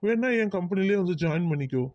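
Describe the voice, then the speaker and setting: A man's voice: high voice, lively intonation, fast talker, darkish tone, dry recording, dull audio. A man voicing an exasperated young man in a cartoon, sighing and dodging a marriage. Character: exasperated young man, ambitious, reluctant groom. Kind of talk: Tamil cartoon voice acting.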